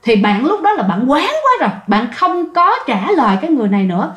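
A woman's voice: high voice, big pitch swings, fairly quick, a bit bright. A woman telling a ghost story, chatting directly to her listeners. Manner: conversational, addresses listeners directly. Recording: roomy echoey recording.

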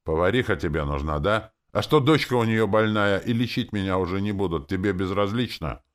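A man's voice: deep voice, animated, a little fast, pitched above the performer's own voice. A man reading an audiobook, voicing an emotional teenage girl who pleads and accuses sharply. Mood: angry. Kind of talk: audiobook character voice.

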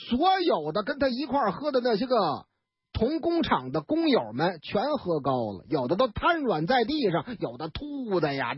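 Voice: medium pitch, slightly rough, no echo. A radio storyteller with a Beijing accent, telling a tale in chatty colloquial style with sound effects and asides. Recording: dull, dry radio studio recording.

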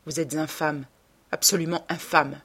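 A grim, bitter man from a storybook, spoken by a woman narrator, low and clipped in his reproach. The voice is breathy, and the tone is held down and hard. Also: steady tone, normal speed, a bit bright, exaggerated voice. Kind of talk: audiobook character reading.

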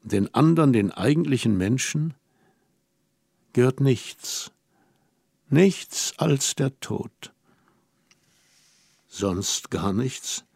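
A wise and melancholy young woman speaks earnestly, weighing each word with slow, deliberate pauses, as a male audiobook reader gives her voice. The voice has a gravelly edge and sits close and dry. It is a storybook reading. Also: mid-range voice, expressive, darkish tone, dry recording, heavily acted. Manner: measured, reflective, slow emphatic pauses.

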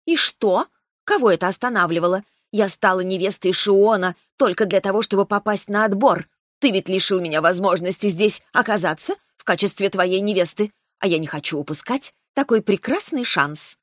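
A woman's voice: mid-range voice, moderate pace, fairly bright tone, no room sound, studio quality, natural voice. Woman doing a vain spiteful dragoness. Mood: coy.

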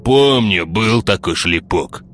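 Man doing a hoarse one-eyed thug, deep rasp, slow heavy coarse talk, audiobook voice. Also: expressive, a bit bright, a little hiss or hum. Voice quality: hoarse, barely human rasp. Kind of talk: audiobook character voice.

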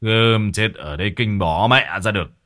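A man voicing a gruff, irritable middle-aged village chief who scolds bluntly. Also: fairly low pitch, moderate pace, fairly bright tone, close to an everyday voice. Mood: irritable scolding.

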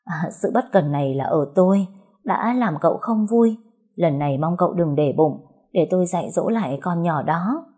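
A woman's voice: lowish voice, lively intonation, normal speed, mellow, slightly rough. A woman voicing a greedy older brothel madam who fawns on the rich and haggles for money. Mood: fawning. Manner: fawning yet haughty, wheedling.

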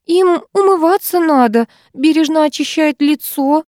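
A woman voicing a panicky, weepy middle-aged nanny in an audiobook, with shrill wailing exclamations. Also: measured pace, darkish tone, dry recording, clean studio sound. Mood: tearful. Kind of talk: audiobook character voice.

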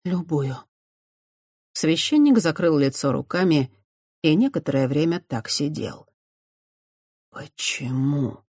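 An audiobook narrator reading a fantasy novel in an even, measured storytelling manner. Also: mid-range voice, no room sound, studio quality.

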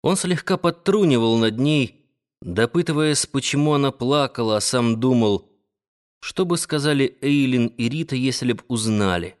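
A medium-pitched man narrates a classic novel as an audiobook, telling the story in a measured, even manner.

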